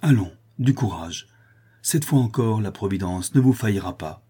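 Man voicing a calm, reassuring protector. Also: fairly low pitch, normal speed, slightly rough.

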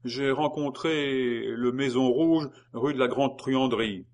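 A man's voice: medium pitch, slow, a little mellow. A man reading as a boastful revolutionary informer. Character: gruff male revolutionary patriot, boastful informer.

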